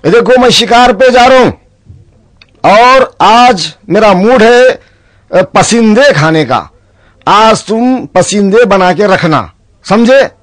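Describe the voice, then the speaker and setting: A man's voice: lively intonation, slow pace, no room sound. A man doing a hot-tempered pompous nawab. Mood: commanding. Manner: commanding, booming.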